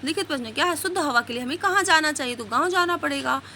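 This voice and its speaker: A woman's voice: high voice, lively intonation, fast talker, bright, forceful tone, slight background noise. A woman teacher going through a workbook lesson, explaining each question and reading out the answers, often checking with "है ना?".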